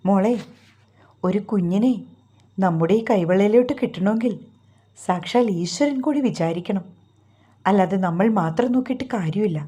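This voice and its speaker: Fussy, doting mother-in-law in a storybook reading, put on by a woman narrator; mellow, warmly pitched up. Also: moderate pace, long pauses, breathy edge, close to an everyday voice. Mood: tender. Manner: emotional, doting, high and urgent. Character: loving, fussy middle-aged mother-in-law.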